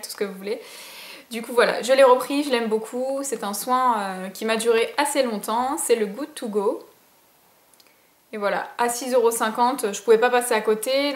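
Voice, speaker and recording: A young woman from France chatting enthusiastically to camera about her beauty purchases, with many fillers. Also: fairly high pitch. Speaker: beauty vlogger. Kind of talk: casual haul chat to camera. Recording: echoey room.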